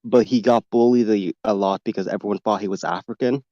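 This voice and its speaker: Low-voiced man, blunt and swearing. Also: fairly even intonation, a little fast, dark tone, dry recording. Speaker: voice actor. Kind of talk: casual chat. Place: foam-lined small closet. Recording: dull lo-fi home recording.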